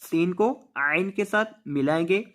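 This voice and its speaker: A man teaching Quran reading. He draws the verses out slowly, then explains the tajweed rules briskly and repeats each word. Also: sits high, a bit bright. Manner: repeats words and asks rhetorical questions. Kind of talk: tajweed lesson, slow drawn-out recitation then quick explanation.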